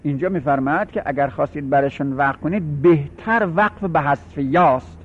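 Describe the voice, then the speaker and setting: A middle-aged Iranian man teaching a class, explaining step by step, repeating key words and slowing down to recite examples. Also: on the high side, narrow, tinny audio, a little hiss or hum. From Iran. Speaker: seminary teacher. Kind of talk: classroom lecture on Arabic grammar.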